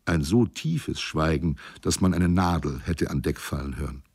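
A man reading a sea story aloud in a measured, weary, grave narrating voice. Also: extremely low pitch, gravelly, darkish tone, husky, dry recording, studio quality. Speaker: audiobook narrator. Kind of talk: scripted narration of a sea novel.

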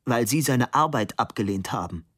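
A man's voice: medium pitch, animated, moderate pace, a bit bright, slightly rough, dry recording, clean studio sound. A man reading an audiobook and voicing a grieving middle-aged father who makes bitter, accusing outbursts. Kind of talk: audiobook narration.

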